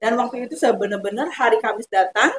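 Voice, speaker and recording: Lively high-voiced Sundanese woman. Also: quick pace, slight background noise. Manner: animated storytelling, acts out quoted voices in Sundanese. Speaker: interview guest telling her story. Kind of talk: emotional personal testimony.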